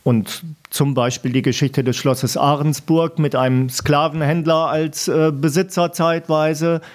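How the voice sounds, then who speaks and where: A man's voice: on the high side, fairly even intonation, measured pace. A man interviewing a guest, asking conversational prompting questions.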